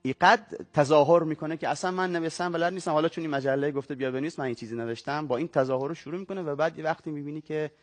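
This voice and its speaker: A man being interviewed as a guest, who talks about books and film in a reflective, measured way and reads aloud. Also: a little high, dry recording. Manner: reflective, measured literary talk. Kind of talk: talk show interview and reading aloud.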